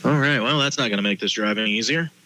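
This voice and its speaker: A man calling play-by-play in live high school football commentary. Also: fast talker, bright, forceful tone, a little hiss or hum, low-quality recording. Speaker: play-by-play announcer.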